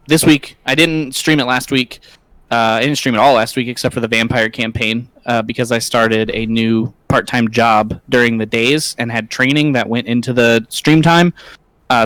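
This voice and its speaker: A man chats informally on a gaming livestream. His voice is crisp and resonant, recorded dry, and he sounds amused at himself. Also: medium pitch, a bit bright, no room sound, rough recording. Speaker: livestream panelist. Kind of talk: casual gaming chat.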